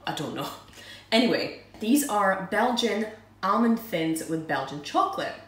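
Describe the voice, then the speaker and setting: A woman's voice: on the low side, a bit bright. A woman chatting casually as she unboxes and tastes snacks, self-deprecating and giggly. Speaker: food vlogger. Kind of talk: casual unboxing and tasting review. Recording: roomy echo, mic at a distance, faint noise.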